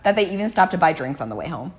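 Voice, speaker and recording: Low-voiced woman telling a true crime story. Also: big pitch swings, rapid-fire. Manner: casual, blunt, swears often. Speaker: podcast host. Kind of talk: true crime podcast narration.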